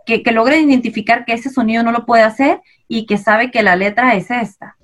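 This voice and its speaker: A woman's voice: a little high, steady tone, brisk. Mexican woman explaining child speech. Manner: patient, explanatory, poses rhetorical questions. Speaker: child language specialist. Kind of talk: expert interview answers.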